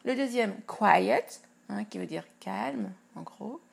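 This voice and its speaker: A woman hosting a podcast English lesson, explaining words slowly and carefully and spelling them out letter by letter. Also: medium pitch, expressive, gravelly, breathy edge. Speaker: English teacher and podcast host.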